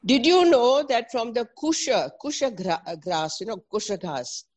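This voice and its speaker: A woman's voice: a little high, very animated, normal speed, darkish tone. Didactic woman with a North Indian accent. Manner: didactic, spells out and repeats terms. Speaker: presenter explaining traditional Indian textiles. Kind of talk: informal explanatory talk mixing English with Hindi and Sanskrit.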